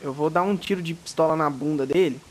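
A young man with a Brazilian Portuguese accent giving slangy let's play commentary, swearing freely and shouting in alarm when startled. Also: fairly high pitch, fast talker, very noisy. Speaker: gaming YouTuber.

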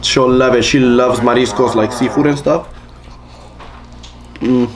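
A man hosting an eating vlog, chatting casually and telling stories with lively quoted voices between bites. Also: mid-range voice, measured pace, a crowd in the background. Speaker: mukbang host.

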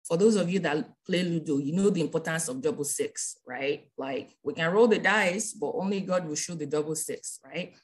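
A woman with a somewhat low voice teaches scripture in a relaxed, conversational way. She keeps checking in with her listeners with a quick "right?", heard over a group call. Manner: chatty, ends phrases with "right?". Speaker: bible study leader.

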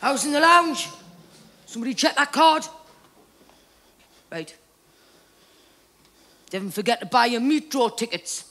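A woman's voice: high-pitched, expressive, unhurried, long pauses, bright, forceful tone, heavily acted. A woman on stage playing a bossy, dry club official in a comedy. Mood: officious. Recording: live theatre stage performance.

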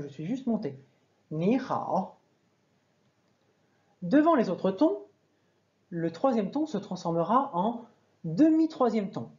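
Mellow-voiced woman teaching a language lesson. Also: medium pitch, muffled recording. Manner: patient, demonstrates sounds aloud with small self-corrections.

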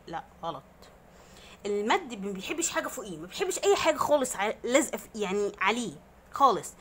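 A woman's voice: medium pitch, fairly bright tone, slight background noise. A woman with an Egyptian Arabic accent teaching a grammar lesson to young children, patiently explaining and answering her own questions, drawing out vowels to demonstrate long sounds. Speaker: primary school teacher.

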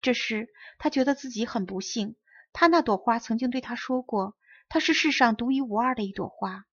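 A woman narrating a children's story as an audiobook reader, with clear, even storytelling. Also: a little high, no room sound. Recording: dull lo-fi recording.

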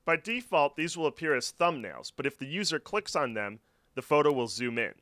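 A man with a bright, fairly high voice gives clear step-by-step instructions. His pitch moves around a lot, and he keeps a steady, scripted walkthrough delivery. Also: brisk. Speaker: tutorial narrator. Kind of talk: scripted screen-recording walkthrough. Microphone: voice-over.

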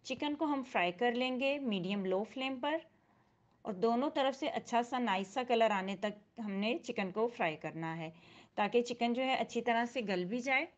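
Higher-voiced woman narrating a recipe. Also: moderate pace, lo-fi sound. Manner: calm step-by-step instruction. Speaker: cooking channel host. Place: voice-over, not recorded in the pictured kitchen.

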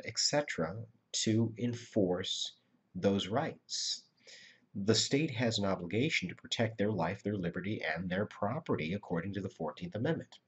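Deep husky-voiced male history teacher. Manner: conversational, frequent "right?" and restarts. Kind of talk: classroom lecture.

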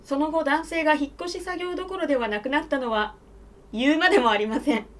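A woman's voice: high voice, quick pace. A young woman reading scripted mock news as a newscaster in formal style. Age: young adult. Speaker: comedy newscaster.

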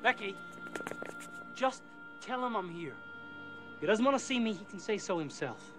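An earnest young gentleman with a rather high voice. He is determined and insistent, in period film style, with clear music behind him. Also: animated, moderate pace. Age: 20s.

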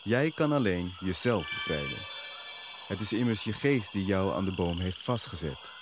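A man voicing a wise old male guru who speaks in a calm, measured, lecturing way. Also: sits low, over music. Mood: stern. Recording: nature ambience with crickets and frogs.

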